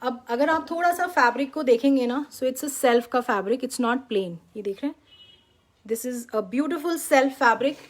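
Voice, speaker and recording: A woman's voice: high-pitched, unhurried. Indian woman hosting a live sales show. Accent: Indian English. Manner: switches between Hindi and English, repeats "very, very beautiful". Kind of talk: live product showcase, greeting viewers.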